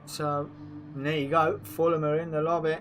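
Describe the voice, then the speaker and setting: A man with a croaky, sore-throated voice, chatting casually as host of a racing league stream and talking to himself while he sets things up. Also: fairly high pitch, little pitch movement, normal speed, faint music behind. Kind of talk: casual live-stream race commentary.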